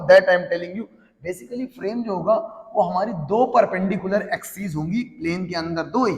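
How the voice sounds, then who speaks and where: A man's voice: sits high, creaky, reverberant, in a large hall. A man teaching a physics class, answering his own playful questions in a call-and-response way. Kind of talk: classroom lecture.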